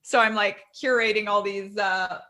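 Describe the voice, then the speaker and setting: A woman in her thirties speaks candidly in an interview, her voice bright and forceful. She tells her story quickly and with animation, often restarting her sentences. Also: mid-range voice, fairly even intonation. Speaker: guest author. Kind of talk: conversational interview.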